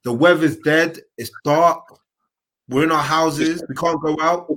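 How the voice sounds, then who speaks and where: A man's voice: on the high side, steady tone, unhurried, a bit bright. A young man with an urban London roadman accent, chatting casually as a podcast panellist. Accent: London, urban roadman slang. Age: young adult. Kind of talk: casual banter. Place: indoors at home, on a laptop video call.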